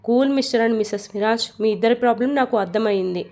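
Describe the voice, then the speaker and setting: A woman voicing a patient middle-aged male lawyer who reasons gently with a quarrelling couple in a storybook reading. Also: on the high side, fast talker, close to an everyday voice. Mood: calm, persuasive. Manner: soothing, reasoning, fatherly.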